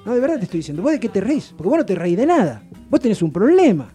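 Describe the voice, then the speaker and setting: A man voicing a brash, provocative male prankster with an Argentine accent, taunting and lecturing in loud jabs. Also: high-pitched, big pitch swings, very fast, faint music behind, pitched above the performer's own voice. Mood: mocking. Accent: Argentine Spanish.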